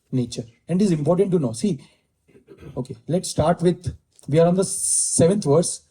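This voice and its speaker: A man with an Indian English accent gives a scripture lecture to his listeners. His voice sits a little high yet sounds very dark and mellow. He repeats key phrases and drifts into Hindi mid-sentence. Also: rough recording. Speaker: spiritual teacher giving scripture class.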